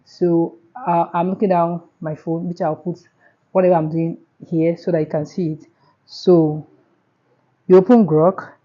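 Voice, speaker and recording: A woman's voice: lowish voice, flat delivery, measured pace, mellow, muffled recording. A Nigerian woman with a Nigerian accent, hosting a casual step-by-step screen tutorial and often repeating herself. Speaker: tutorial host.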